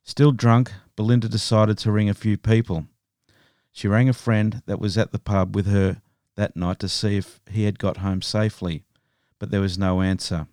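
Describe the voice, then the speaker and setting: A man hosting a podcast, narrating a true crime story in a steady, measured way. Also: lowish voice, dry recording, clean studio sound. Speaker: podcast host.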